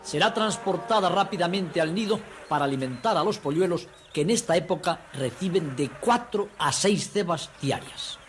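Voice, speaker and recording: A man's voice: sits high, expressive, moderate pace, few pauses. A man narrates a nature documentary. His delivery is emphatic and didactic, as if teaching friends. The soundtrack is noisy, with birds and crickets behind him.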